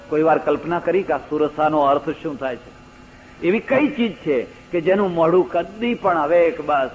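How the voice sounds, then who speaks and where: An older man with a Gujarati accent delivers a religious discourse full of anecdotes, slipping into the voices of the people in his stories. His voice sits somewhat high, and the recording is dull and lo-fi like an old archival tape. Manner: storytelling, acts out quoted voices, rising emphatic stresses. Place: lecture hall.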